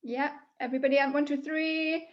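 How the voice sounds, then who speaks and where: High-voiced woman hosting an online event. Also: steady tone, brisk, over a noisy crowd. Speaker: host of an online school event. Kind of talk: hosting a video call, prompting participants. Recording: dull video-call audio.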